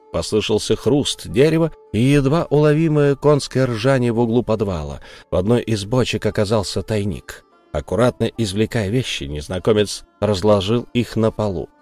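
Low-voiced male audiobook narrator. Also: darkish tone.

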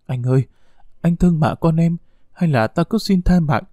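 A man's voice: on the high side, normal speed, mellow, no echo, studio quality, voice pushed up, lightly acted. A man voicing a frightened young wife and mother who pleads tearfully, in an audiobook. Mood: pleading.

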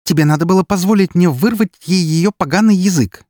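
A man voicing a shrill, furious elf woman. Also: expressive, a little fast, breathy edge, no echo, clean studio sound. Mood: spiteful. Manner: shrill, hissing and shouting.

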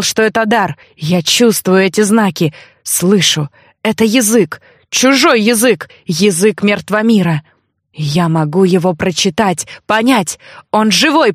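A woman's voice: mid-range voice, unhurried, no echo, clean studio sound, lightly acted. A woman reading an audiobook, voicing an obsessed, feverish young man with urgent, pleading insistence. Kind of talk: audiobook character voice.

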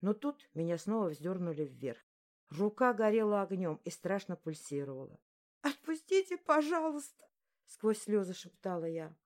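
Audiobook narrator: woman, lowish voice, steady expressive first-person reading. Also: normal speed.

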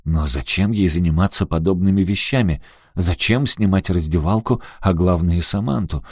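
A man narrating an audiobook in a measured storytelling manner. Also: sits low, darkish tone, husky, no echo, studio quality. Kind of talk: scripted narration.

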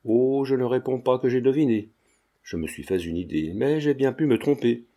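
A sly, affable old retired druggist who pretends to be deaf, read by a man. He talks in an ordinary pitch with a dark, mellow tone, like a character in a storybook. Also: normal speed, close to an everyday voice. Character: genial old retired druggist, feigning deafness.

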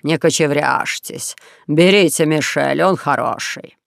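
An audiobook reader voicing a jovial, pushy king who plays matchmaker, talking slowly and loudly in a dry, close recording. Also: medium pitch, creaky, no echo. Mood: dismissive. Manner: coaxing, blustering, loud and slow. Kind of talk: audiobook character voice.

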